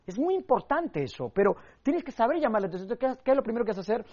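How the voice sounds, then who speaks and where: A young man teaching public speaking, energetic and emphatic, telling stories and acting out what people said. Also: very high-pitched, rapid-fire, muffled recording. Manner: energetic, emphatic, acts out quotes and sound effects. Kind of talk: motivational speaking lesson with stories.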